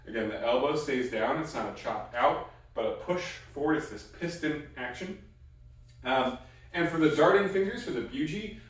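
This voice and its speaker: A man teaching a martial arts technique, explaining step by step in plain instructional talk with short, repeated cue words. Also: mid-range voice. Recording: very echoey room, distant mic.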